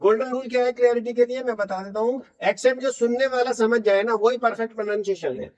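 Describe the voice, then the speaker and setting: A man's voice: very high-pitched, steady tone, fast talker, darkish tone, muffled recording. A male English teacher giving a classroom-style lesson, explaining in Hindi and repeating short English example sentences for students to copy. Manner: repeats phrases for drill, asks students rhetorically. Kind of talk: classroom lecture.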